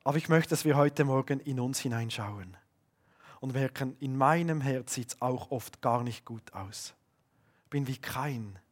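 A man who has children of his own, preaching a sermon and swinging between loud emphatic bursts and hushed, slowed-down lines. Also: mid-range voice. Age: adult, father of young children.

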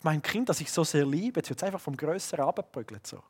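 Man preaching, voice slightly high. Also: animated, breathy edge. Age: adult, father of young children. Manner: swings between loud emphasis and hushed, slow lines. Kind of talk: sermon.

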